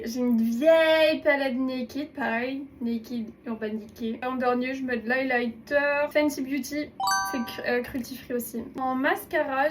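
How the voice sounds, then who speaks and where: A woman's voice: high voice, slight background noise. A young woman chatting casually and playfully while doing her makeup, swearing now and then. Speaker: beauty vlogger. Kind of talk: casual get-ready-with-me chat.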